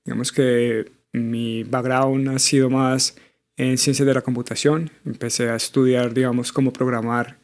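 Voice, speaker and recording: A Colombian man in his thirties, speaking with a Bogotá accent, is the guest in a conversational interview. His mid-range voice has a flat delivery at a moderate pace, and he answers thoughtfully, sprinkling in many small fillers.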